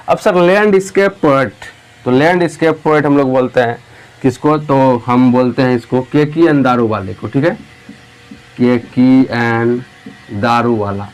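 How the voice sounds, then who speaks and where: A young man teaching an exam-prep lesson, putting students' questions to himself and answering them, reassuring and casual. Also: medium pitch.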